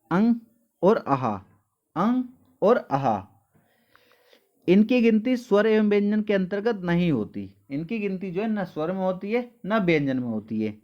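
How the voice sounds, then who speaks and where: High-voiced man teaching a class, lo-fi. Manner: repeats questions and answers them himself; addresses listeners as dear children. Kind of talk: exam-prep lesson.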